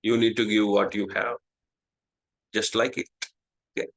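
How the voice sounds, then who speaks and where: A man with an Indian English accent, whose first language is Telugu, hosting a casual spiritual talk and pausing often with "uh" and "okay". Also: on the low side, little pitch movement, rough recording. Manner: slow, halting, many "uh" and "okay". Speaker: astrologer, channel host.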